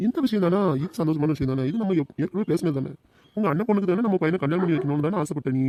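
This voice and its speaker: Calm cartoon husband, low for her but kinda dull sound, woman doing it. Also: rapid-fire, background noise, lightly acted. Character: calm middle-aged husband, easygoing.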